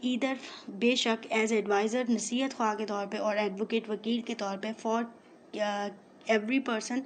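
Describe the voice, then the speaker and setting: A woman law teacher with a Pakistani Urdu accent, reading English legal rules slowly phrase by phrase and explaining each in Urdu, often checking in with "theek hai" and pausing on "uh". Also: on the high side, slight background noise. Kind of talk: line-by-line legal text lesson.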